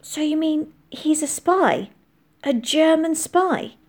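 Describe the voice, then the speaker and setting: A woman voicing an anxious young girl who is impatient at first and easily upset, speaking in a high, urgent way. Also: animated, takes it slowly, full character voice.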